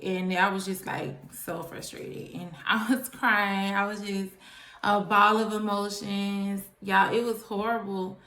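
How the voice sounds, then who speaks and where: A young woman, telling a personal story to her viewers in a chatty, animated way. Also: mid-range voice, measured pace. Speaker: vlogger. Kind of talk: casual storytelling to camera. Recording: echoey room.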